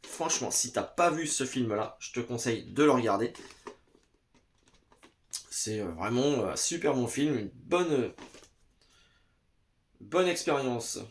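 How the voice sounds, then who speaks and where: A man talks slowly and unhurriedly to his camera at home, in a casual vlog. He hesitates often, filling gaps with "euh", and speaks directly to the viewer in an ordinary mid-pitched voice. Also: animated. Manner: hesitant, many "euh" fillers, addresses viewer as "tu". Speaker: vlogger reviewing VHS tapes. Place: home basement. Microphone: camera in front.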